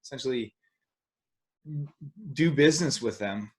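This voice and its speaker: Man, podcast host, casual interview, mid-range voice, thoughtful, halting with restarts. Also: medium pitch, expressive.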